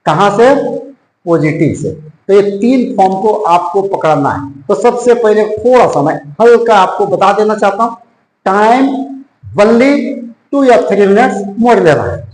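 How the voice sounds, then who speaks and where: A man from India teaching English grammar, mixing Hindi and English with a Hindi accent and slowly repeating his examples. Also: sits high, lively intonation, a little mellow, roomy sound, rough recording. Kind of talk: classroom-style grammar lesson.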